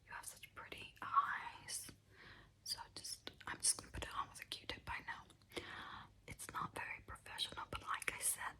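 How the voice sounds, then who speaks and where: Woman in a soft, close whisper. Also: fairly low pitch. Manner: soft, slow, soothing whisper, close personal attention. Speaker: ASMR creator playing a makeup artist. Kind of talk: whispered ASMR roleplay.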